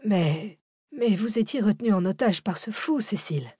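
A woman's voice: mid-range voice, lively intonation, moderate pace, mellow, breathy edge, dry recording, clean studio sound. Woman reading a stammering nervous professor. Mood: flustered. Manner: stammering, timid. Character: nervous older male professor.

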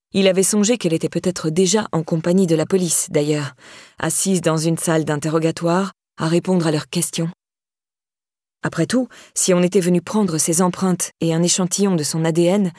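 A woman narrating a novel as an audiobook reader, in a measured storytelling manner. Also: lowish voice, fairly even intonation, dark tone, no room sound, studio quality.

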